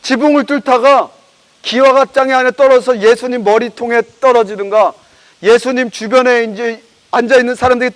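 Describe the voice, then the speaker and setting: A male pastor delivers a sermon with dramatic, vivid storytelling. His voice is strikingly high for a man. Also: low-quality recording.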